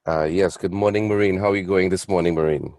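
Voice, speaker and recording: A man's voice: sits low, steady tone, quick pace, darkish tone, no echo. A man presenting on an online call in a chatty, upbeat way, urging listeners to type into the chat. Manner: chatty, upbeat, engaging the audience.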